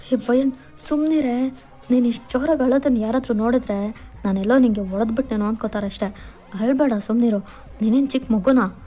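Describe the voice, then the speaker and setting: A woman's voice: fairly high pitch, fairly quick, dark tone, natural voice. A woman voicing a smug young man who teases and coaxes, in a storybook-style fan fiction reading. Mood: coaxing. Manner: teasing, coaxing.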